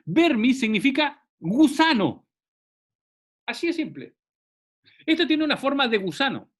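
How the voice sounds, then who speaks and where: A man's voice: very high voice, big pitch swings, a little slow. A man teaching a classroom anatomy lecture, explaining step by step and often checking in with the class.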